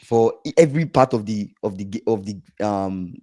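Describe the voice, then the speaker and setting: A man co-hosting a casual football podcast, emphatic and repetitive, a little hoarse. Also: on the low side, normal speed, a little mellow. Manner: emphatic, repeats himself, trails off. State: slightly hoarse from shouting. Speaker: podcast co-host.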